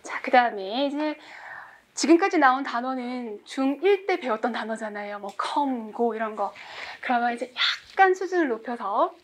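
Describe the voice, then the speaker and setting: A woman's voice: on the high side, expressive, normal speed, slight background noise. A woman in her forties teaching English vocabulary in class, quizzing students and making small jokes. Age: 40s. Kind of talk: classroom lecture.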